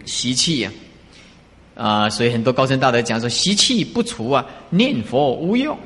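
A man giving a casual dharma talk as a Buddhist master, conversational and animated, often asking his listeners rhetorical questions. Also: mid-range voice, unhurried, gravelly. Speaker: Buddhist master teaching disciples. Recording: reverberant hall.

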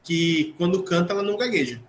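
A man's voice: high voice, expressive, fast talker, a crowd in the background. Male podcast host in a roomy space. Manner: chatty, recaps with jokes and asides. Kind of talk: casual podcast chat. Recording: roomy echo, faint noise.

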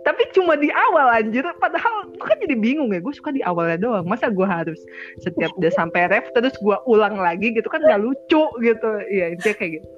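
Speaking fairly quickly with lively intonation, this young woman has a voice on the high side and a Jakarta accent. She's a podcast co-host in casual chat, acting out her own thoughts, heard through slightly dull lo-fi audio with faint music.

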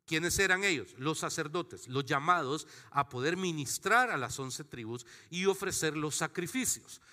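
A man, preaching a sermon to his congregation in a chatty, joking manner. His voice is bright and sits a little high for a man. It carries a long reverb from the church hall. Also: lively intonation, unhurried. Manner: conversational, jokey preaching with acted-out asides. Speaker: pastor. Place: church sanctuary.

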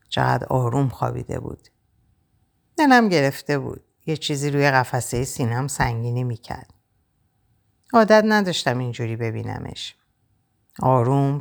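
A woman narrating a novel in the first person, in a quiet, reflective, measured way. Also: rumbling low, animated, gravelly. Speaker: audiobook narrator.

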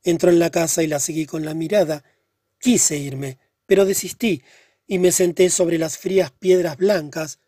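A man narrating a literary short story in a measured, earnest way. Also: fairly high pitch, fairly even intonation, mellow, no echo, clean studio sound. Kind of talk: scripted audiobook narration.

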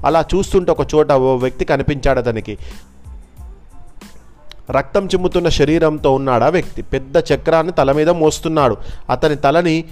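Expressive male storyteller. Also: fairly high pitch. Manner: measured expressive telling. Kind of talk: storytelling narration. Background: faint background music.

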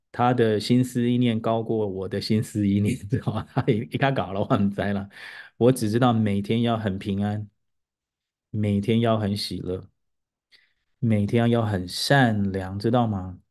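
A man hosting a casual podcast as an English teacher, telling a classroom story and sounding out English words to show intonation. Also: moderate pace. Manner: animated storytelling, pitch rising as he gets excited; demonstrates English word intonation aloud.

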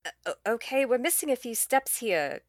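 A woman's voice: a little high, sing-song, normal speed, dry recording, studio quality. A woman chatting casually as a tabletop game player, with a wry, sarcastic way of talking.

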